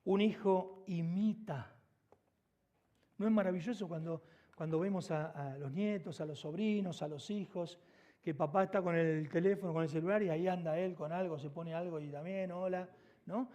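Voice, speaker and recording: A man with an Argentine accent preaching a sermon as pastor, moving between emphatic declarations and hushed, intimate asides. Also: high voice, moderate pace. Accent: Argentine Spanish. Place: church sanctuary.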